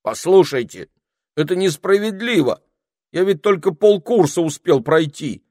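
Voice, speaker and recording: Man doing a whiny high toad spy. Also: big pitch swings, moderate pace, no room sound, clean studio sound. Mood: aggrieved. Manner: whiny, wheedling, cocky.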